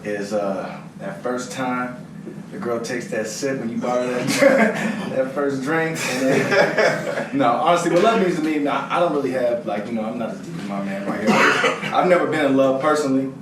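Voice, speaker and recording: A young man talks in a relaxed, slangy way, joking as he goes. His voice sits in the middle range and comes from across a reverberant room. Background noise runs underneath. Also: medium pitch, normal speed. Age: young adult. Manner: laid-back, slangy, joking. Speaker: actor on a panel. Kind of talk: panel discussion. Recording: echoey room from far off with noise.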